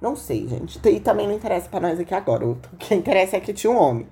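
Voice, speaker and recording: A woman's voice: medium pitch, sing-song, very fast, mellow. A woman with a Brazilian accent and a voice altered by an inflamed, sore throat, hosting a podcast in a casual, chatty storytelling style that speaks straight to listeners. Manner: chatty, informal, addresses listeners directly. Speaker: podcast host.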